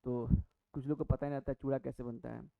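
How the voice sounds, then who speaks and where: A man's voice: mid-range voice, level tone, quick pace, vocal fry. A man teaching an exam-prep lesson, chatty, asking and answering his own questions with many fillers and restarts. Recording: tinny phone-like audio.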